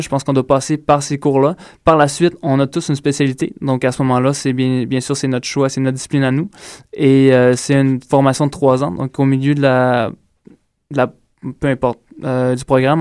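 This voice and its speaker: Answering an interviewer's questions, a young adult man who graduated from circus school hesitates often, saying "euh" a lot, though he's earnest; he's from Ontario but was raised in Quebec and speaks with a Quebec French accent. His medium-pitched voice has a dark, clean tone, recorded in a clean studio with no echo.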